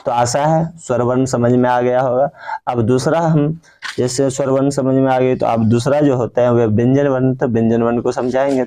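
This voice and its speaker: A man with a mellow, dark voice at an ordinary pitch teaches a grammar class. He drills each point by asking questions and answering them himself. He stretches out example words in a slow chant. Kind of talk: grammar lesson.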